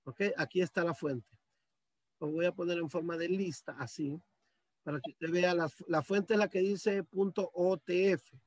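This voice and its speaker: A man's voice: sits high, fairly even intonation, moderate pace, a little mellow, dry recording. A male teacher walking students through a computer task step by step, patiently, on a video call. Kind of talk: screen-share computer lesson. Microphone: computer mic on a video call.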